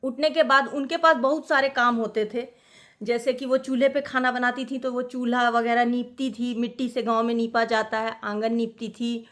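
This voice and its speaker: Brief: middle-aged woman from Delhi, high bright voice, animated chatty vlog storyteller. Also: moderate pace. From Delhi, India. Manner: animated, chatty, laughing at herself. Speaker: vlogger. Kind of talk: casual storytelling.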